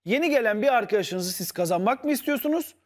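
A man's voice: sits high, expressive, quick pace. A man on a TV panel show, arguing his point insistently and appealing to the viewers. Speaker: studio panelist. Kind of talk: heated TV panel debate.

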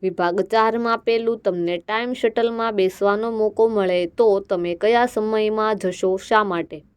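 A woman's voice: medium pitch, fairly even intonation, a little slow, smooth. A woman teacher going through exam answers, reading each sentence and then stating the answer word.

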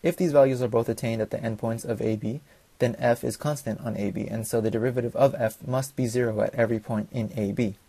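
A young man, a student, gives a read-aloud class presentation at a quick clip, now and then stumbling and restarting. His voice is dark and a little husky. The recording is dry and close to the mic. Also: medium pitch, steady tone, no room sound. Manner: fast, reads from notes with small slips.

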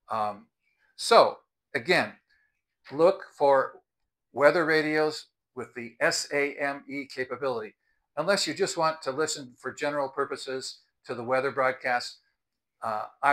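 Outdoors on a front porch, a product reviewer and video host, an American man in his 60s, talks to camera with a medium-pitched, fairly bright voice. His explanatory vlog talk is earnest and full of advice. He wears a lapel mic.

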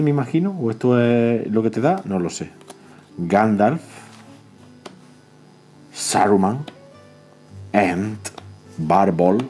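A man, excitedly unboxing a board game in casual talk, often pleading to himself and chattering to viewers. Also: on the low side. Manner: excitable, pleading and self-talking. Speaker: board game channel host. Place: indoors at a table, off camera.

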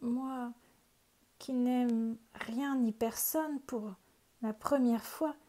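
A woman's voice: slow pace, a little mellow. A woman voicing a grumpy old witch who loves no one, grumbling in a raised voice. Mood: musing. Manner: grumbling, higher pitched than her narration.

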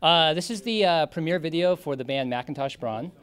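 A man's voice: a little high, animated, fairly quick, fairly bright tone, clean tone. A man in his thirties, a music video co-director, chatting in a red carpet interview with lots of fillers and jokes. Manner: chatty, joking, many fillers. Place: festival press wall, indoors. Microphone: handheld interviewer mic.

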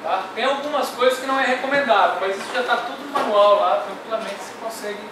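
Captured from far off by a camera in an echoey, noisy classroom with a projector screen, a middle-aged man teaches a technical workshop. His voice is high-pitched and fast as he walks through each step, tagging his phrases with "tá?".

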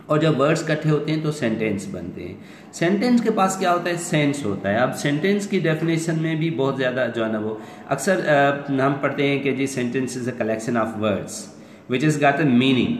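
A man teaching an online English class, explaining step by step and asking questions he answers himself, slowing down to stretch out English phrases. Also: medium pitch. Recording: roomy echo with long reverb, faint noise.

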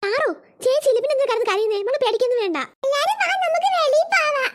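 A caring cartoon big sister, as a woman voices her, soothing a younger child in a very high, girlish voice. She sounds gentle and steady. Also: rapid-fire. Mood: reassuring. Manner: reassuring, comforting. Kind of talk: cartoon voice acting.

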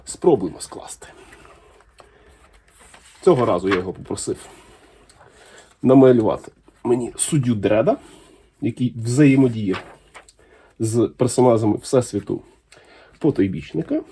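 A man with a medium-pitched voice unboxes comics for his channel, talking casually and enthusiastically. He's unhurried, with lively intonation, and there's slight background noise.

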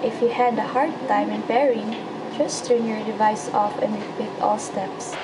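A woman's voice: mid-range voice, steady tone, moderate pace, close to an everyday voice. Courteous young female call center agent played by a woman, recited lines, distant mic, heavy noise. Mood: courteous, instructing. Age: young adult. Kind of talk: scripted call center role-play. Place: indoor room. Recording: distant mic, loud background hum.

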